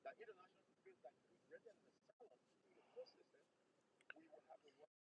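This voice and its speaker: A man's voice: huge pitch swings, fast, vocal fry. A man, a call-in guest arguing a point, repeating his words, heard on a phone held away from his mouth. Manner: repeats words while arguing, pitch swings widely. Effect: phone held away from the mouth, sounds far off. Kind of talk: heated discussion on a phone call. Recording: distant noisy phone line with vehicle noise.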